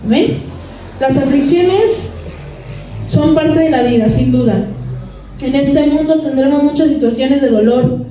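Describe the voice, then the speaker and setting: Mellow woman preaching in an echoey hall. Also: sits high, measured pace, pauses often. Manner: rhetorical questions, asks congregation for assent. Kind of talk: sermon. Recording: echoey church hall, mic far off, faint music.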